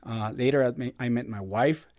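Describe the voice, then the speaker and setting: A man's voice: medium pitch, brisk, darkish tone, dry recording, clean studio sound. A man, telling his story as an interview guest in an earnest, upbeat way. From Costa Rica. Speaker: guest, ministry producer. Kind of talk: casual interview.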